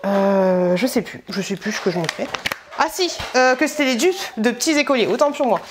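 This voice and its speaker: Chatty, slangy woman vlogger, slightly high voice. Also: lively intonation, a little fast, background noise. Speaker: vlogger showing a grocery haul. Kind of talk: casual chat. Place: at home.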